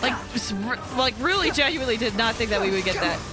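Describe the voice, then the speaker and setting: A young adult woman giving casual, giggly, excitable live reactions as she streams a game. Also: on the high side, fast, loud music behind the voice.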